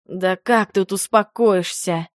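Audiobook role: jealous grumbling werewolf husband, gruff and exasperated, read by a woman. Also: high-pitched, slow, no echo, studio quality. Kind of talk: audiobook character reading.

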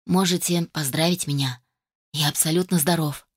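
Woman reader voicing a steady, calm young fiancé in an audiobook; keep it low and assured. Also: normal speed, breathy edge, dry recording, clean studio sound. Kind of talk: audiobook character voice.

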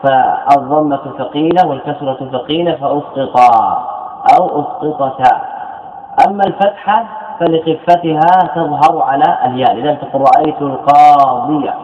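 Higher-voiced man lecturing, tinny echo. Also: moderate pace, a little hiss or hum. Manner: asks questions and answers them himself, repeats key phrases. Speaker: Islamic scholar teaching grammar. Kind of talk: classroom lecture. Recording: tinny, echoey lecture recording.

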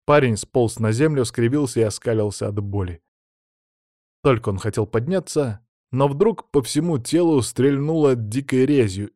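A man's voice: medium pitch, a little mellow, no room sound. A man reads a first-person audiobook in a mid-range voice, with a wry, sardonic edge in his asides. The recording is dry and close with no room sound. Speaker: audiobook narrator.

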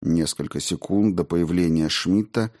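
A man reading an audiobook as narrator, in a steady, measured way. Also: deep voice. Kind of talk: scripted narration.

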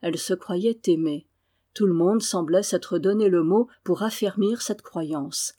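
A woman reads a classic novel aloud as an audiobook narrator, her delivery measured until the dialogue lifts it into emotion. Her voice is on the low side and warm.

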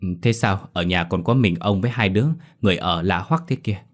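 Brief: a man playing a sly sorcerer in a ghost story, quick and glib, low voice. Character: sly middle-aged male sorcerer.

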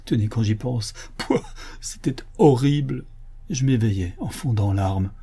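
A man's voice: mid-range voice, expressive, unhurried, mellow, breathy edge. Man reading as a lamenting gluttonous canon. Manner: anguished, theatrical lamenting. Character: gluttonous older male canon, lovesick for lost food. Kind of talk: audiobook reading of a classic novel.

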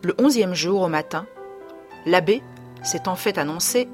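A woman narrating a classic story as an audiobook reader, clear and expressive. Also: fairly low pitch, a little slow, soft background music. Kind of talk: scripted narration.

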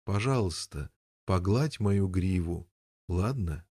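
A man reading an audiobook, voicing a gentle, trusting male unicorn that pleads softly and slowly in a hushed tone. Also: sits low, animated, husky, pitched below the performer's own voice, full character voice. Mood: tender. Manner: soft, hushed and slow.

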